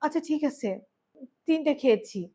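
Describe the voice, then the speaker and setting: Comic skit: woman as a defensive, sneaky mother-in-law with a high voice, all excuses. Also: normal speed, warm tone, natural voice. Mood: sheepish. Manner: evasive, sheepish excuses.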